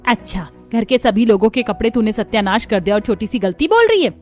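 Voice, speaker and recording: A woman voicing a quarrelsome middle-aged mother-in-law who scolds and nags in an animated story. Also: medium pitch, fairly quick, soft background music, lightly acted. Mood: scornful. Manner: scolding, nagging.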